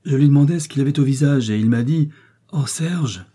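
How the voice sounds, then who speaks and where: A man voicing a gentle young princess. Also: medium pitch, fairly quick, slightly rough, voice pushed up, natural voice. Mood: pleading.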